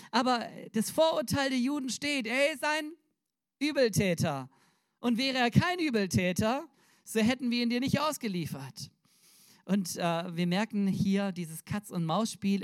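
A man's voice: sits high, no room sound, clean studio sound. A man preaching a sermon in a conversational way, often putting questions to the congregation and searching for words mid-sentence. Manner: addresses the congregation with rhetorical questions.

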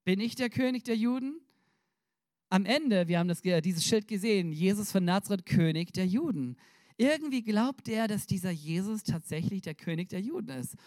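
A man's voice: sits high, lively intonation, a little fast, a little mellow, no echo, clean studio sound. A man preaching a sermon in a conversational way, often putting questions to the congregation and searching for words mid-sentence. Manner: addresses the congregation with rhetorical questions.

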